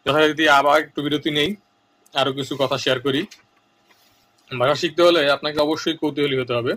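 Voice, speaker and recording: A man teaching a vocabulary lesson, saying each word twice in slow, deliberate drills with earnest advice between lists. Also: a little high, steady tone, fairly bright tone. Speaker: language teacher.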